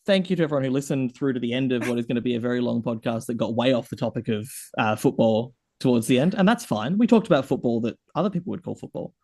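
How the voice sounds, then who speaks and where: A man's voice: mid-range voice, fast talker, few pauses, mellow. A man hosting a casual podcast chat, rambling with lots of fillers. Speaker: podcast host.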